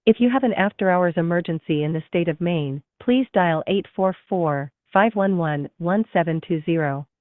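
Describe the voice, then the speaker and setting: A woman's recorded phone menu voice, set a little low, reading options in a slow, measured, polite way. It comes through a tinny phone line with a dry, close sound and no room around it. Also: dry recording. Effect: recorded automated phone menu. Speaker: automated phone system voice. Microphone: heard through a phone call.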